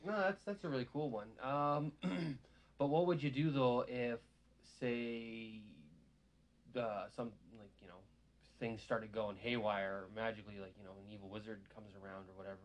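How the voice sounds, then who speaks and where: A man hosts a laid-back conversation, his sentences wandering and rambling as he goes. His voice sits at an ordinary middle pitch. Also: fairly even intonation, normal speed. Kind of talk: casual chat.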